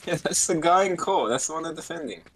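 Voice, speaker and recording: A man's voice: fairly high pitch, animated, quick pace, fairly bright tone, slightly rough. A young man teasing and swearing with friends during a game. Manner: crude, teasing. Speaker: gaming friend. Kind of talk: casual gaming chat. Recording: noisy voice chat.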